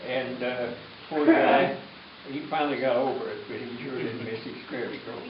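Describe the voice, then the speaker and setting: A man's voice: medium pitch, fairly even intonation, moderate pace. An elderly man telling family stories informally, in a rambling, folksy, jokey way. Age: 80s. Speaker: family elder giving a speech at a reunion. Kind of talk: informal storytelling speech. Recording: muffled, distant, echoey room with crowd noise. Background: crowd noise.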